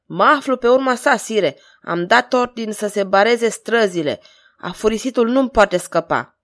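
A woman's voice: a little high, expressive, fairly bright tone. Woman doing a raised, urgent police chief addressing his king, audiobook. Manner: urgent, respectful.

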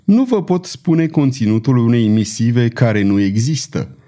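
A man's voice: mid-range voice, animated, dark tone, natural voice. A man voicing a tense, fearful male courier in an audiobook, his voice rising when he is cornered. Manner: anxious, defiant, voice rising under pressure. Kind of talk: audiobook character voice.

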